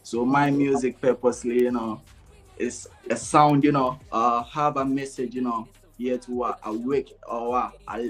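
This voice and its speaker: Over soft background music, a young dancehall artist from Ghana talks casually as a guest on a remote video call, his Ghanaian accent blended with Jamaican patois. Speaking a little slowly in a medium, fairly even voice, he keeps posing "what?" to himself before answering, and "you know" runs all through his talk.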